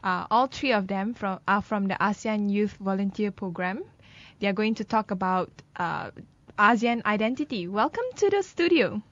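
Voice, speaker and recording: A woman's voice: mid-range voice, lively intonation, moderate pace, dry recording. A woman hosting a radio talk show, chatty and teasing, laughing easily with her guests. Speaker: radio host. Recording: slightly dull lo-fi studio audio.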